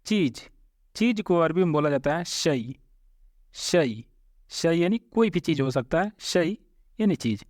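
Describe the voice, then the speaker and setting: A young man teaching a vocabulary lesson, saying each word, repeating it slowly and clearly, then giving its meaning. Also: a little high, lively intonation, darkish tone, dry recording, clean studio sound. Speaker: language teacher.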